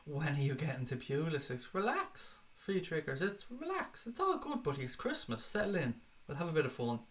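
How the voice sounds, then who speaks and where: A man's voice: on the high side, sing-song, brisk. An Irish man hosting a casual livestream, reading viewer comments aloud and answering them bluntly, swearing freely. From Ireland. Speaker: livestream host reading chat. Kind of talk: casual chat.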